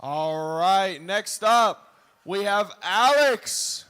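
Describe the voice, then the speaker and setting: A man announcing a powerlifting meet live, working up the crowd like a showman with booming calls, drawn-out numbers and urging. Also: lively intonation, a bit bright, clean tone. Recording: crowd noise in a live venue.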